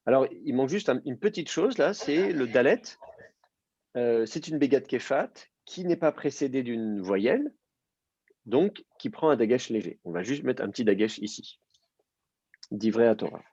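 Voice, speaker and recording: A man's voice: mid-range voice, expressive, moderate pace, darkish tone, husky, dry recording, highs cut off. A man teaching a language class, explaining step by step and quizzing his student. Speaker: Hebrew teacher. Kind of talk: live class instruction.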